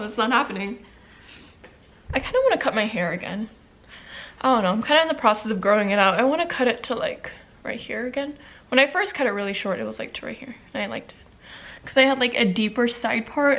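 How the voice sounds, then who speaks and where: A young woman talks to her camera at home, chatty and rambling, eating a sandwich now and then. Her voice sits a touch high and sounds bright and crisp. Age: young adult. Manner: chatty, rambling, many likes and restarts. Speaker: vlogger. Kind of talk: casual chat to camera. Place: at home indoors by a window.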